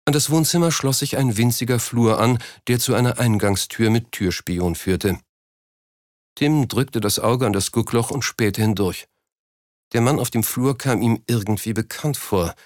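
A man reading a story aloud in a steady, measured scripted narration. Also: on the low side, no echo, studio quality. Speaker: audiobook narrator.

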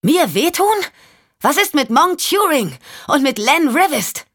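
A woman voicing a tough young female investigator in an audiobook, talking in a sharp, raised, confrontational voice. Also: on the low side, moderate pace, husky. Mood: angry, challenging. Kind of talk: audiobook character voice.

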